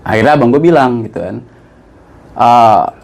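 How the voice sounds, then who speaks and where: A man's voice: medium pitch, moderate pace. Seorang pria berlogat menceritakan pengalaman pribadinya dengan santai dan hidup, sering tertawa. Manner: lively, laughs often, acts out others' lines. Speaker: guest telling a personal story. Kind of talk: casual storytelling in slang.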